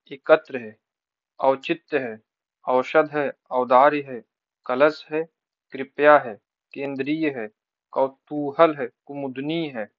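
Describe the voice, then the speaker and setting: A man with a slightly high voice teaches spelling for an exam, racing through word lists, saying each word again, and offering brief tips. There is no echo on the recording, and its highs are cut off.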